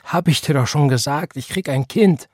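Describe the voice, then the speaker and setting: Man doing a weepy young woman, pleading, pitched up high, husky tone, audiobook scene. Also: sing-song, measured pace, darkish tone, dry recording, studio quality, heavily acted. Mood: tearful. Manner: tearful, pleading, voice rising high.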